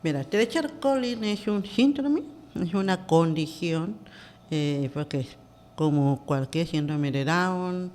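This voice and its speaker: A woman's voice: low-pitched, takes it slowly, darkish tone. A woman, talking as a podcast guest in a hesitant way, full of fillers and restarts. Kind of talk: casual interview talk.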